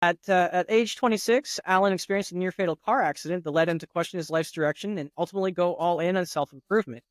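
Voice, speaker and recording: A man's voice: high-pitched, quick pace, dry recording, studio quality. A man hosting a podcast interview, speaking hesitantly, with lots of fillers. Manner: hesitant, many fillers and restarts. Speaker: podcast host.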